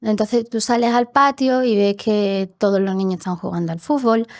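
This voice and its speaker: A woman's voice: medium pitch, moderate pace, no echo, studio quality. A young woman telling her own story in a podcast interview, earnest, sometimes acting out the voices of people her childhood. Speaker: interview guest. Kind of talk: personal testimony in a podcast interview. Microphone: podcast studio mic.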